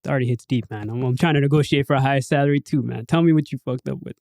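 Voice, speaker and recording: A man's voice: medium pitch, rapid-fire, a little mellow, no echo. A man hosting a podcast in casual chat, reading listener posts aloud and putting on a bigger host voice for sign-offs.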